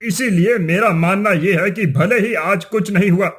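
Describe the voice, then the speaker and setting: In a Hindi cartoon story, a man voices a superstitious village chief who makes insistent accusations. His voice is high and husky with a fairly bright tone, at a normal speed.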